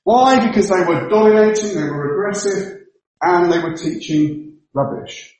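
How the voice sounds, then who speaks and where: A man's voice: sits high, moderate pace, a little mellow. A male pastor giving a sermon in a church, explaining things emphatically and repeating his key points. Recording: very echoey church hall.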